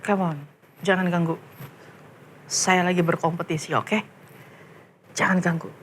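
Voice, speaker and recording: A woman voicing a stubborn, greedy young male gamer in a lower, curt, dismissive voice. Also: flat delivery, a little slow, a little hiss or hum, natural voice.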